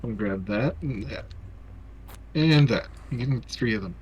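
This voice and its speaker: A man's voice: mid-range voice, lively intonation, unhurried, darkish tone, husky, dull audio. A young man from Canada chatting casually while playing a game, joking, swearing freely and laughing at his own stories. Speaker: streamer. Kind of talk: casual gaming chat.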